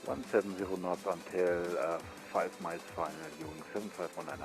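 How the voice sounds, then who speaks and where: A man reading back controller instructions as a pilot, in quick clipped phrases over a headset radio transmission. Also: low-pitched, steady tone, faint music behind. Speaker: pilot on a flight sim network. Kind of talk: radio readback. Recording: distant radio voice.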